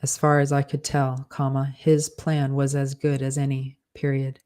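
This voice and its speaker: A writer reads a story into dictation software, calling out every comma, period and undo as they go. The voice is mellow and dark, and it stays on one level with little rise or fall. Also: mid-range voice, clean tone. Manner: measured, flat dictation, spelling out punctuation and corrections. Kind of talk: dictating fiction aloud with spoken punctuation commands.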